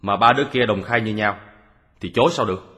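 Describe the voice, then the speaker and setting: A man playing a calm, methodical detective who patiently recounts how a crime was carried out, in a radio drama. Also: on the low side, close to an everyday voice. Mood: steady. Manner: measured storytelling, steady. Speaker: detective explaining a solved case. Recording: long hall reverb.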